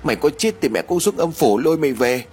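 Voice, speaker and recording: A man voicing a fussy, quick-tempered village mother who wails and scolds. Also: on the high side, sing-song, darkish tone, slightly rough, soft background music, voice pushed up. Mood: scolding. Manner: scolding, wailing, cursing.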